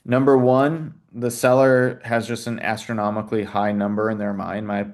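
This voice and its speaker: A man's voice: fairly low pitch, level tone, moderate pace, darkish tone. A man hosting a live question-and-answer session, talking casually with many fillers. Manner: casual, chatty, plays sellers' lines in quotes, many "you know"s. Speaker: host. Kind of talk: live Q&A on a video call.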